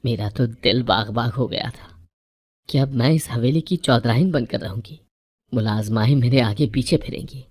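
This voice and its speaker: A woman narrating a first-person moral story in a measured, even reading voice. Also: rumbling low.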